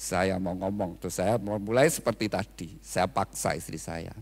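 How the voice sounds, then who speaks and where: A pastor with a low voice preaches a wedding sermon at a normal pace, weaving in a personal story and frequently speaking straight to the congregation. The sound reverberates around a church hall.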